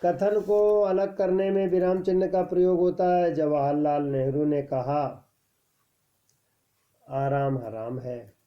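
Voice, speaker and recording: Slow, measured male teacher, dull recording. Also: fairly high pitch, little pitch movement. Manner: measured, announces each heading louder then reads examples more softly. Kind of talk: scripted Hindi grammar lesson.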